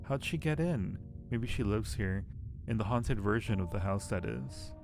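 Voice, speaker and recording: A man hosts a casual game livestream, reading story text aloud and chatting in between with murmured asides. His voice is lowish and animated, moving at a moderate pace. Music plays behind him.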